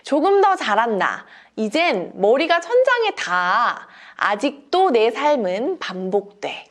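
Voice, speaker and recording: A young giraffe from a picture book, eager and hopeful, as a woman reads it out. The voice springs high on excited cries and swoops in lively arcs. It keeps a bright storybook feel throughout. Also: slow.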